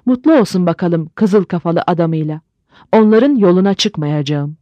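A woman's voice: fairly low pitch, lively intonation, moderate pace, dark tone, dry recording, lo-fi sound, natural voice. A woman voicing a heartbroken, drunk middle-aged German husband who rants and sobs in a storybook reading. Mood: brooding. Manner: sobbing, ranting, then gushing.

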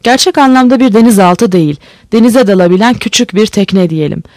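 A reader voicing a male ship owner who speaks calmly with dry irony. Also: mid-range voice, brisk, dry recording, lightly acted. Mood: cool.

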